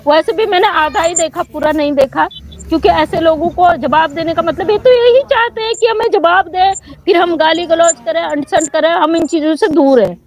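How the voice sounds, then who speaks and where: Super high voiced woman going off angrily at someone, a bit under the weather. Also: moderate pace. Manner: heated and scolding. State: a little unwell. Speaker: YouTube commentator. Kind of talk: angry rant reacting to a critic.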